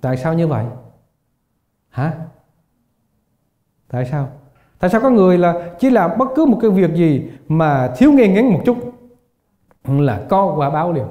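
A man's voice: fairly high pitch, big pitch swings, normal speed, pauses often. Older male Buddhist teacher, echoey lecture. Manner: asks the class rhetorical questions and laughs while telling stories. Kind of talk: dharma lecture. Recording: echoey, dull lo-fi hall recording.

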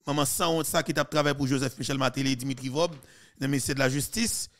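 Brief: Haitian male podcast commentator, 30s, fiery and mocking, mid pitch, close studio mic. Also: steady tone, fast talker. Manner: heated, mocking, with sudden loud outbursts. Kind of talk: political commentary. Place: small studio. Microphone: studio mic with headphones.

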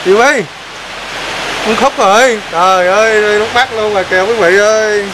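A man hosts a vlog in a casual, teasing way, pressing someone with repeated questions. His voice sits a little high for a man. The recording is full of hiss and background noise. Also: normal speed. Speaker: vlog host. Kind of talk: teasing casual chat on camera.

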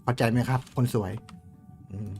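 A young man streaming a game live, chatting with viewers in a crude, swearing, excitable way. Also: normal speed, faint music behind.

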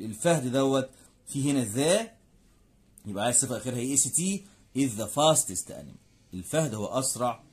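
A man's voice: medium pitch, darkish tone. A man with an Egyptian Arabic accent teaching an English grammar lesson, saying each word in English and then in Arabic and asking and answering his own questions. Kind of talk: classroom lesson explaining grammar.

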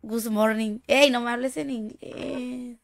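A woman's voice: a little high, fairly even intonation, slow, vocal fry, soft background music. A woman with a Mexican accent streaming a shooter game, chatting casually with playful, teasing, boastful banter. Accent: Mexican Spanish. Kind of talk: casual gaming stream chat.

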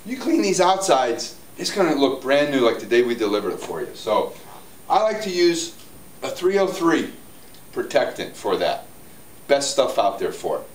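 A chatty man in his forties who runs a hot tub store walks around a large indoor spa showroom, gesturing through a casual, upbeat how-to demo. His medium-pitched voice has a sing-song lilt at a moderate pace. A distant camera on a tripod picks up roomy audio with a little hiss or hum.

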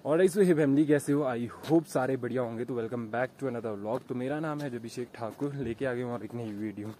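A man's voice: mid-range voice, normal speed, mellow, a little hiss or hum. A young man hosting a casual travel vlog, talking to viewers while walking outdoors on a forested mountain trail, tired from the climb. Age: young adult. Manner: chatty, showing viewers around on foot. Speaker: vlogger. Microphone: handheld camera at arm's length.

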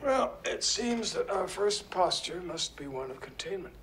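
A cautious adviser in a film drama. His voice is on the high side, formal and measured, with faint room noise. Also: expressive, a bit bright, full character voice. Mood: cautious concern. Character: cautious male government adviser at crisis meeting.

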